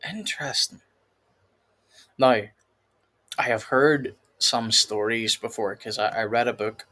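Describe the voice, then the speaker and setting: A man's voice: medium pitch, takes it slowly, sharp tone. A man hosting a casual reaction video, rambling and laughing often as he comments. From United Kingdom.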